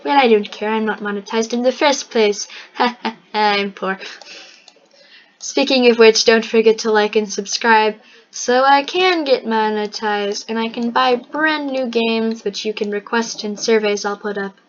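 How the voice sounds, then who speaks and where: Brief: woman gameplay narrator, somewhat high voice, dry mock-serious delivery, dull lo-fi mic. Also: unhurried, slight background noise. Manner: mock-formal, wry, slips into put-on accents. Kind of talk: gameplay commentary. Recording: dull lo-fi microphone.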